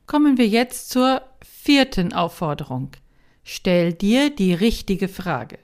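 A woman coach hosting her own podcast, reading a prepared monologue and speaking directly to the listener with many questions. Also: on the high side. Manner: slow, measured, addresses the listener directly with questions.

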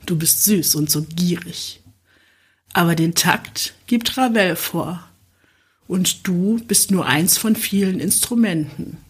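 Woman putting on a calm bossy man, murmured low and slow, breathy, audiobook. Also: full character voice. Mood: murmuring. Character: dominant commanding man, calm and controlled.

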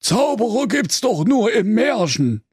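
A man playing a sarcastic, exasperated old father in a radio comedy fairy tale, with a husky voice. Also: sits high, sing-song, unhurried, a little mellow, dry recording, clean studio sound, full character voice. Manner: weary, gruff, sarcastic.

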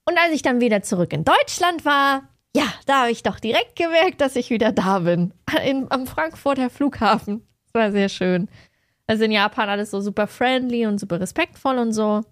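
A woman's voice: on the high side, moderate pace, no echo. Chatty young woman, dry close sound. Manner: lively storytelling, acts out quoted people. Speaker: podcast co-host. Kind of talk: casual chat.

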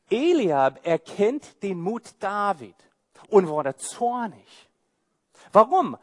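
Male pastor for a sermon; high, swooping voice, unhurried, playful and mocking. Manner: animated, mocking asides and rhetorical questions.

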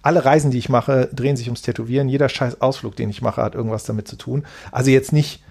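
A man in his forties talks as a guest from his tattoo shop. His voice is gravelly, with a rough edge of fry, and his pitch sits at a middle height. He rambles in a laid-back way, tagging sentences with a quick question and casual swearing. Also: fairly even intonation, darkish tone. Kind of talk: casual interview chat.

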